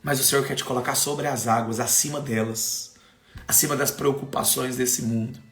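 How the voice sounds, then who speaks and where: Impassioned Brazilian pastor in echoey church. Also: male voice, medium pitch, steady tone, normal speed. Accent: Brazilian Portuguese. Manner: impassioned, rising to emphatic peaks then dropping soft. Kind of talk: sermon. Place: church sanctuary.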